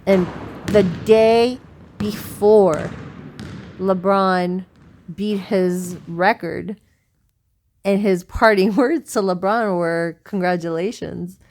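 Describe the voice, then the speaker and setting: In casual conversation on the podcast she co-hosts, a South American woman muses and rambles earnestly. She talks slowly in a fairly low, somewhat mellow voice, with a little hiss or hum in the recording.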